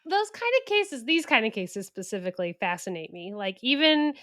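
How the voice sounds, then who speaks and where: A woman's voice: fairly high pitch, very animated, moderate pace, fairly bright tone. A woman co-hosting a casual true crime podcast, a little tired, chatty and laughing often. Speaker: podcast co-host.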